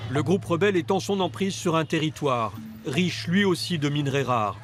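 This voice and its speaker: Grave male documentary narrator, raised pitch. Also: normal speed. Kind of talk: scripted voice-over narration. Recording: music bed under the voice.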